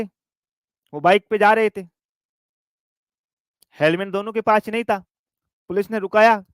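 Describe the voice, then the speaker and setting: A man's voice: sits high, clear, resonant tone, dry recording. A man teaching an exam coaching class, telling a playful story and calling his students dear children. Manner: dictates notes slowly with repetition.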